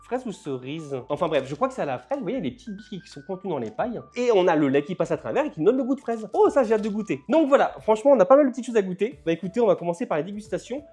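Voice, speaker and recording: An older man talks his way through an unboxing, chatty and quick to laugh. His voice is mellow and warm. He trips over English words as he reads them out. Soft music plays underneath. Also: high voice, big pitch swings, breathy edge. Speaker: vlogger. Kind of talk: casual unboxing vlog.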